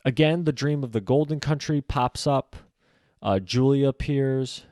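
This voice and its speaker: A man talks through a book on his podcast in a loose, thinking-aloud way, peppering his sentences with fillers. His voice sits at an ordinary middle pitch, recorded close and dry with no room sound. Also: measured pace, a little mellow, dry recording. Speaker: podcast host discussing a novel. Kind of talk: casual solo book discussion.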